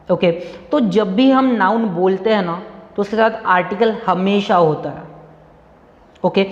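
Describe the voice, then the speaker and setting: A man from India teaching English grammar in Hindi, spelling words out letter by letter and repeating key points for his students. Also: high-pitched. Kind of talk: Hindi-medium grammar lesson. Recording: echoey room, dull lo-fi sound.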